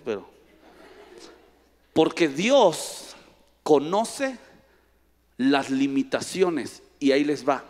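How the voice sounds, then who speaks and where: A male pastor preaching a lively sermon, teasing and calling on people in the congregation by name. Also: a little high. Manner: playful, teasing, calls on audience by name. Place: large church hall. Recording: long echo of a church hall.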